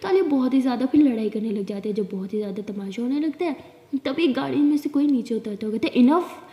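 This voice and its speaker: A woman's voice: fairly high pitch, lively intonation, fast, mellow. A woman narrating a love story in a chatty, casual way, stacking intensifiers. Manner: chatty, with many repeated intensifiers. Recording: echoey room with long reverb.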